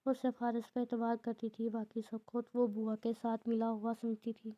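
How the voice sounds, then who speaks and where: A woman reading a romantic novel aloud in an even, unhurried way, with small slips and restarts. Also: a little high, muffled recording. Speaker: novel reader. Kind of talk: scripted narration of a romantic novel.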